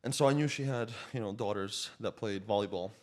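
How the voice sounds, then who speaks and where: A man with a lowish voice talks fairly quickly, telling stories in a casual, rambling way and often interrupting himself. A native Slovak speaker born to Slovak parents, he has a slight accent and appears as a podcast guest; he works as a real estate agent and his storytelling is animated.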